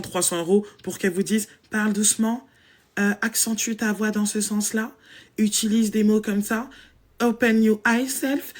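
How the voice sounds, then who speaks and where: Blunt woman with a low voice. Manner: blunt, mocking, mixes English phrases. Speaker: women's coach. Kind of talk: casual monologue to listeners.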